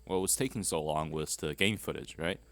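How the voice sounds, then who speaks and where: A man's voice: very deep voice, fairly quick, a bit bright, dry recording. A man co-hosting a podcast in casual chat, teasing and rambling with restarts. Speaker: podcast co-host.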